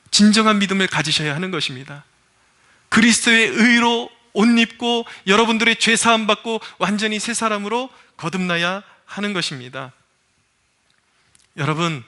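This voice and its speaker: Male pastor, high and bright-edged, exhorting sermon delivery. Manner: fervent, exhorting, repeatedly addresses the congregation. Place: church service.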